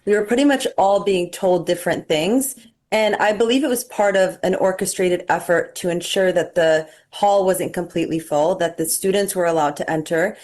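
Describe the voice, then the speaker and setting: A young woman giving a first-hand eyewitness account in an interview, halting and stumbling over words as a student guest. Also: lowish voice, a little mellow. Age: young adult.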